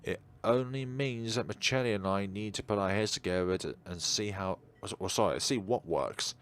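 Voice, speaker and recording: This streamer's voice is on the low side, clear and resonant with a fairly bright tone, delivered at a moderate pace. Reading visual novel narration dramatically over music, he sometimes stumbles and fixes his words.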